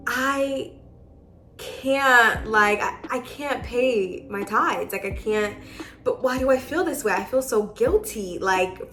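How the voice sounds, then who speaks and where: A woman's voice: medium pitch, fairly bright tone. A woman in her twenties chatting casually at home, telling a personal testimony with lots of filler words and repeats. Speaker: vlogger giving a testimony. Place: at home in her apartment living room.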